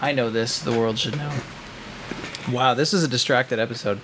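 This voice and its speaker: A middle-aged man, talking loosely and profanely on a podcast. He rants and jokes sarcastically in a medium-pitched voice, with a faint hiss behind him. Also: fairly even intonation, normal speed, a bit bright. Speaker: podcast co-host. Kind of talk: casual political chat.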